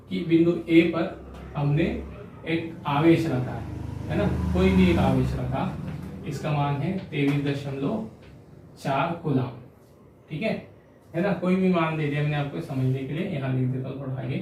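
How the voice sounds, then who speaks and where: Male physics lecturer, slightly high voice, patient question-and-answer explaining, recorded off-mic in a very reverberant room with faint hiss. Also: darkish tone. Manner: explanatory, asks and answers his own questions, frequent "है ना" tags. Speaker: physics teacher. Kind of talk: classroom lecture. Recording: echoey room, voice a bit distant, faint hiss.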